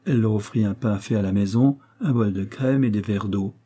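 Male audiobook narrator, very dark and husky, steady reading. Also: fairly low pitch, fairly quick. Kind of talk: scripted narration of a classic novel.

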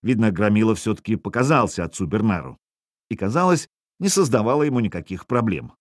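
A man narrates a first-person audiobook with a wry, expressive edge. His voice sits on the low side yet moves through a wide, animated range. The recording is dry and close. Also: brisk, no echo.

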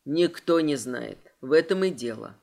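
A woman voicing an ancient solemn male dragon, speaking in a grave, slow, measured way. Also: deep voice, animated, vocal fry, a little mellow, pitched below the performer's own voice, full character voice.

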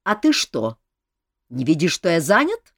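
A blunt, commanding king in an audiobook, grumbling and gruff, played by a woman reading the story. The voice is fairly low, with big rises and falls, and it sounds dry and close. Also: huge pitch swings, normal speed, darkish tone, no echo, heavily acted. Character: gruff, bossy, amused male king.

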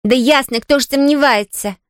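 A woman's voice: high-pitched, animated, fairly quick, no room sound, studio quality, pitched above the performer's own voice. A woman voicing a teasing older sister who sneers and scolds, in a storybook reading. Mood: mocking.

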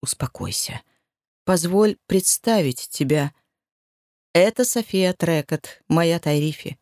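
A woman voicing a calm, protective man in an audiobook, speaking low and steadily. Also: slow pace, dry recording, studio quality. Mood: soothing. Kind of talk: audiobook reading.

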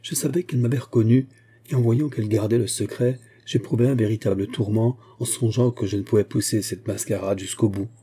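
A man reading a classic memoir aloud in a measured, elegant way. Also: on the low side, steady tone, dark tone, husky. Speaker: audiobook reader. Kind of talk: scripted literary narration.

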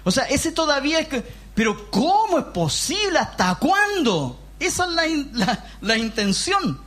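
A man with a Chilean accent preaching a lively sermon in a church hall, emphatic and often raising his voice, with joking asides. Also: very high voice, measured pace. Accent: Chilean Spanish. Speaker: pastor.

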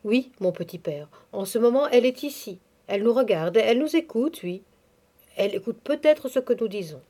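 A woman plays a grieving, devout elderly nursemaid, confiding softly and tenderly with a pious, mournful air. Her voice is a little high and animated, moving at a moderate pace.

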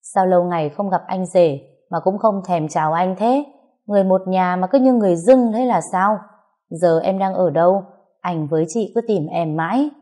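A taunting, foul-mouthed brother-in-law in a spoken story, voiced by a woman narrator. He sneers and mocks in a low, mellow voice. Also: moderate pace, close to an everyday voice. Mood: mocking. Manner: taunting, mocking, coarse. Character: scheming loud-mouthed male brother-in-law, middle-aged.

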